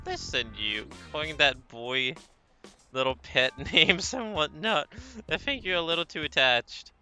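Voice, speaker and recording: A man voicing a gruff, protective middle-aged father who talks bluntly and loudly. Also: a little high, animated, a little slow, soft background music, voice pushed up, full character voice. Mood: gruff, stern. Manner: blunt, threatening, loud.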